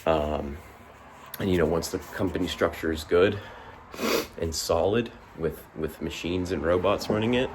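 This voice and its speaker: A man's voice: low-pitched, unhurried, slight background noise. A man giving a casual, rambling opinion monologue to the camera, full of fillers and restarts, a bit out of breath after exercise. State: out of breath after push-ups. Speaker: vlogger.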